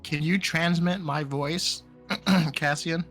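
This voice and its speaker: A man's voice: on the high side, fairly even intonation, slow pace, a bit bright. A man playing a tabletop role-playing game, speaking casually with hesitant, stammering starts. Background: background music.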